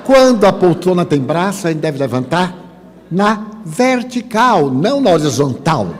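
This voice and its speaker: Speaking at a measured pace in a high voice, the same older Bahian Brazilian spiritist lecturer spins humorous anecdotes and animatedly performs the dialogue. The recording carries a little hiss or hum and a long hall reverb.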